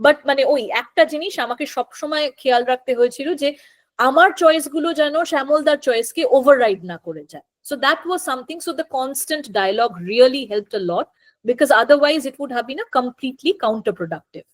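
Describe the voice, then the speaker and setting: A woman with a Bengali accent giving an academic talk, switching between Bengali and English, pausing often to think and restart. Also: sits high, lively intonation. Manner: thoughtful, often pauses with fillers and restarts. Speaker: guest lecturer on translation.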